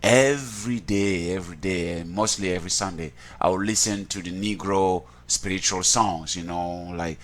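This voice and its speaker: A man's voice: low-pitched, moderate pace, few pauses. A man from Cameroon, telling his own story in an interview in an earnest way, often repeating words and restarting. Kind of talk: reflective personal account.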